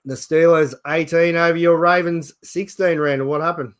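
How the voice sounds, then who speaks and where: An Australian man with a fairly high voice presents a casual sports show. He chats through results as the host, in an informal style. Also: fairly even intonation, moderate pace, smooth.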